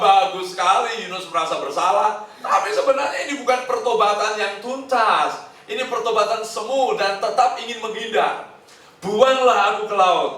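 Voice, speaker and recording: A man preaches with animated energy, slipping into quoted voices between points. His slightly high voice comes from some distance across a very echoey hotel hall. A faint hiss sits under it. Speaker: pastor. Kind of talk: sermon.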